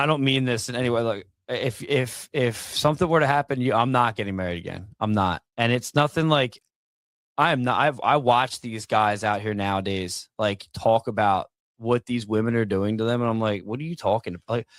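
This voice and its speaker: A man hosting a casual podcast chat, easygoing and quick to chime in with agreement. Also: medium pitch, fairly bright tone, no echo, clean studio sound. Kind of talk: casual conversation.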